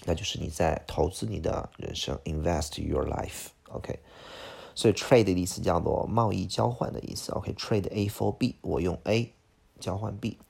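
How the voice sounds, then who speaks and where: Gravelly, husky-voiced man teaching English vocabulary. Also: low-pitched, moderate pace, a little mellow. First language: Chinese. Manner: explains each word, repeats pronunciations, frequent "OK". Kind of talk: vocabulary lesson.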